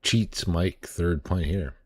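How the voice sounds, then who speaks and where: A man with a very deep voice talks slowly and loosely, trailing off and restarting his thoughts. The sound is close and dry, with faint music underneath. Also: slightly rough, no room sound. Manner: rambling, hesitant, drinking beer while talking. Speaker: host. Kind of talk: casual chat.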